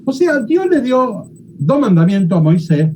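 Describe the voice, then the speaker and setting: A Bible teacher lectures in a lively way, and the voice swings widely in pitch as ideas are explained. The tone is very dark and mellow. Short questions to the class come up often, and faint room ambience sits behind the voice. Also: slight background noise, low-quality recording. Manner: explanatory, often checks understanding with quick questions.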